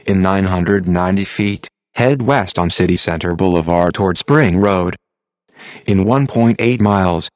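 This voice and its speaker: A man's synthetic text-to-speech voice giving turn-by-turn driving directions in a flat, measured, impersonal way. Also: deep voice, no room sound, studio quality. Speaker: GPS navigation voice.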